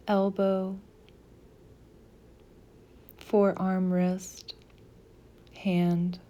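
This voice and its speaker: A woman leads a scripted guided meditation practice, speaking softly and gently in deliberate, paused phrases. Her voice is medium-pitched, and the audio is dull.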